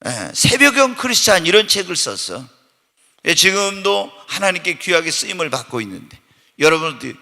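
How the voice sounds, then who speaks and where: A man preaches in a church sanctuary with a long hall reverb trailing his words. His voice sits high for a man and sounds sharp and bright, and he peppers the congregation with rhetorical questions and now and then shouts for emphasis. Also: very animated, normal speed, gravelly. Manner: bursts into loud, shouted emphasis. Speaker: pastor. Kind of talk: Korean evening church sermon. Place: church sanctuary during a Wednesday night service.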